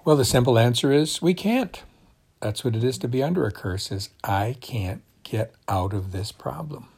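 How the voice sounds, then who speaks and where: A man's voice: medium pitch, lively intonation, normal speed, creaky, darkish tone, slightly rough. A man co-hosting a daily devotional program, talking through scripture in a genial, preaching way. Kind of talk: devotional radio talk.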